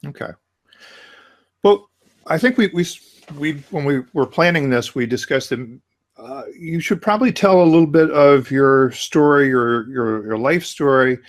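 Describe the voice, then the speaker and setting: A man's voice: on the high side, lively intonation, measured pace. A man hosting a webinar interview over a video call, asking questions in a hesitant way with repeated words. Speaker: webinar host.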